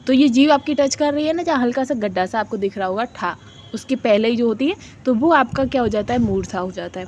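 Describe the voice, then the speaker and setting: A high-pitched woman teacher with a darkish tone moves at a quick pace through an exam-prep lesson, asking and answering her own questions. She repeats syllables to demonstrate sounds and mixes English words into her Hindi. Faint noise hums in the background.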